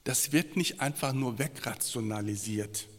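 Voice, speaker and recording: A man preaching a sermon with passion, swinging between loud emphatic peaks and quiet, low phrases. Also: a little slow. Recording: long hall reverb.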